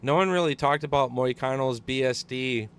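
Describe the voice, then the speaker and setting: Male co-host, smooth, mid-pitched voice, blunt and profane. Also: normal speed. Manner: rambling, heavy swearing, blunt and excitable. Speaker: podcast co-host. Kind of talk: casual chat.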